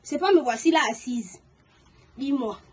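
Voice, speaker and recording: A young woman chatting casually to camera in a storytime vlog, full of slang and filler words, getting loud and animated when indignant. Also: high voice, a little slow, a little hiss or hum.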